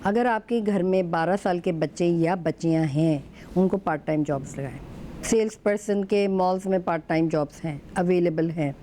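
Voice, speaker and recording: A woman's voice: fairly low pitch, a little hiss or hum. A woman speaking as a guest on a talk show, telling stories fluently and mixing Urdu with English. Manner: fluent mix of Urdu and English, animated storytelling. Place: TV studio.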